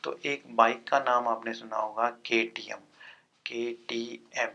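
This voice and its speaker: A man's voice: mid-range voice, fairly even intonation, normal speed, vocal fry, bright, forceful tone, lo-fi sound. A male teacher giving an exam-prep grammar lesson, sounding out letters one by one and answering his own questions.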